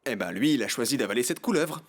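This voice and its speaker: A man's voice: mid-range voice, expressive, fast. An actor dubbing an arrogant, dismissive young man in a telenovela, scornful and pleading by turns. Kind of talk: dubbed telenovela acting.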